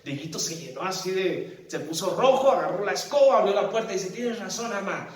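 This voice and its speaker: Pastor, lively preaching voice, slightly high, booming echo from a distant mic. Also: male voice, a little fast. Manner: animated storytelling, asks the congregation questions. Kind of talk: sermon. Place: church hall. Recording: echoey church hall from far off.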